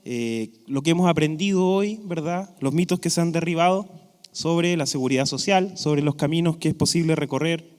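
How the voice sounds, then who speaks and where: A man's voice: on the high side, a little mellow, smooth. A man with a Chilean accent moderating a conference panel, introducing speakers and often adding short tag questions. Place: large echoing conference room. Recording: reverberant conference hall.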